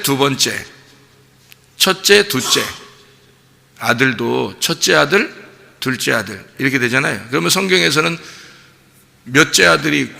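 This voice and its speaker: A man's voice: mid-range voice, vocal fry, sharp tone, big-room sound. A man preaching a conversational dawn sermon as a pastor, often asking the congregation questions and acting out quotes. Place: church sanctuary.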